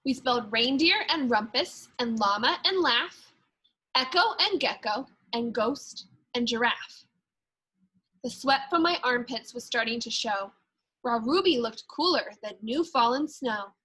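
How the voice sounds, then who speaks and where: A second-grade teacher reads a picture book aloud, telling the story deliberately and expressively with dramatic emphasis. Her voice is fairly high-pitched and husky, and the recording is rough.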